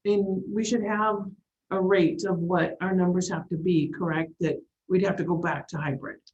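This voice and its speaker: A woman's voice: on the low side, fairly even intonation, normal speed, a little mellow, a little hiss or hum. A woman school board member thinking aloud and asking questions during a meeting. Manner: thinking aloud, frequent affirming murmurs. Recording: dull meeting audio.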